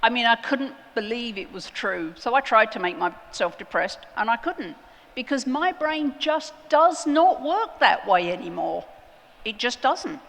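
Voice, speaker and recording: A woman giving a prepared conference talk, earnest and emphatic, with deliberate pauses. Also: a little high, animated, vocal fry, fairly bright tone. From outside the United States. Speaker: conference speaker. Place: large conference hall. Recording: long hall reverb.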